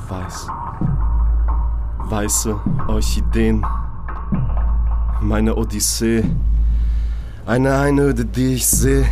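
A man narrating a grim horror story in a brooding, dramatic first-person reading. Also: lowish voice.

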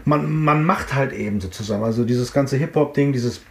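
A hip-hop artist in middle age, from the area around Frankfurt, Germany, is interviewed casually and drifts through recollections with frequent fillers and restarts. His voice sits at medium pitch and moves fairly quickly. The sound has a roomy echo.

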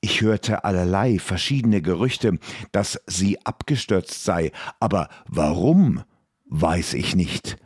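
A man voicing an old male dwarf merchant with a croaky, hesitant voice. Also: sits low, animated, slow pace, darkish tone, no echo, studio quality, exaggerated voice. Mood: shaken. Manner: shaken, hesitant.

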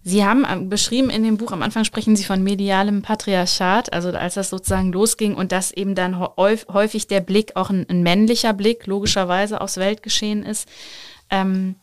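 A woman's voice: mid-range voice, fairly even intonation, a little fast. A woman interviewer who asks probing, searching questions and listens with brief murmurs.

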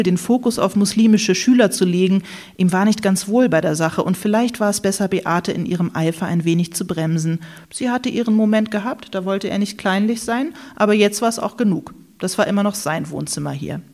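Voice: mid-range voice, a little mellow. An audiobook reader narrating a satirical novel in a dry, ironic manner.

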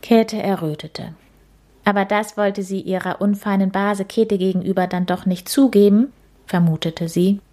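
A woman narrating a storybook in a soft, expressive way, dropping at times into a hushed, breathy tone. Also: medium pitch, moderate pace. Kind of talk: storybook reading.

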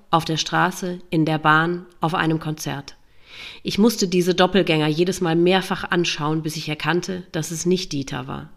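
A woman in her fifties reads her own life story aloud. Her voice sits a little low, and she keeps it quiet, subdued and measured throughout. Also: gravelly. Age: 50s. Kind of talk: reading a personal memoir aloud.

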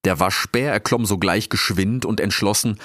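A man's voice: fairly low pitch, moderate pace, a bit bright, dry recording. A man narrating a story, reading expressively and dramatically. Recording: dry close sound.

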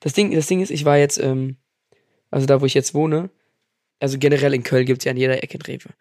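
A man's voice: medium pitch, steady tone, a little fast, darkish tone, no echo, clean studio sound. A young man co-hosting a podcast in casual chat, laid-back and agreeable, telling stories with slang. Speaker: podcast co-host.

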